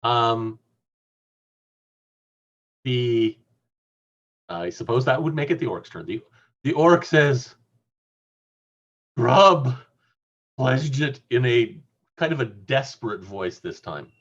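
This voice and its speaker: A middle-aged man runs a tabletop game with animated, casual narration. His pitch is average and the video-call audio is slightly dull. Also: takes it slowly, long pauses. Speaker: game master.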